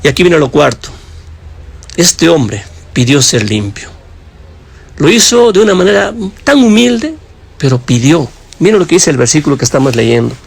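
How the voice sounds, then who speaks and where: Very animated at a moderate pace, a man preaches with passion in a creaky, husky voice. He addresses listeners directly, moving from raised high emphasis down to low hushed phrases.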